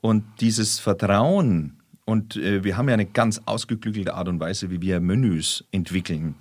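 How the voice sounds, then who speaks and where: Low-voiced man telling kitchen stories. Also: moderate pace, darkish tone, no echo. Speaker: star chef guest. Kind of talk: casual podcast chat.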